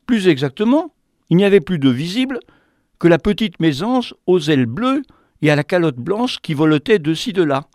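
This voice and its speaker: A man telling a fantastic tale in an expressive, theatrical way. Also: on the high side, moderate pace, no room sound, clean studio sound. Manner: animated, theatrical. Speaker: storyteller.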